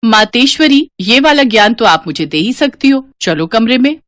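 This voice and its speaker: A woman's voice: on the high side, lively intonation, normal speed, fairly bright tone, no echo. A woman voicing a playful young woman who loves saris, talking in a chirpy, cheeky way.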